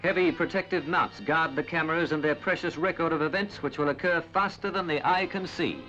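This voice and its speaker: A man reading a scripted 1960s documentary narration in a formal, measured, dramatic way. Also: on the high side, over music. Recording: dull, band-limited 1960s film soundtrack.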